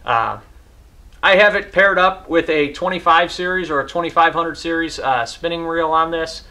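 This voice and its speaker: A man's voice: fairly high pitch, moderate pace, bright, forceful tone. A man in his thirties, hosting a casual fishing gear review from his garage, talking with hands-on enthusiasm. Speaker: fishing channel host. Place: garage with boat and rods.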